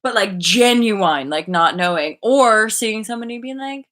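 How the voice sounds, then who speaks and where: A woman in her thirties hosting a casual live chat from a bedroom, chatty and animated, full of likes and restarts, heard through a webcam mic. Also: on the high side, normal speed. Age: 30s. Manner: animated, gestures a lot, laughs often. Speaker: livestream host. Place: bedroom indoors. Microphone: webcam at desk distance.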